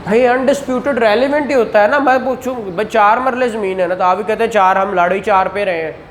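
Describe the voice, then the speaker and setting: Speaking quickly in a high-pitched, steady tone, a man from Pakistan lectures a law class. He makes his points with rhetorical questions and little acted examples, over slight background noise.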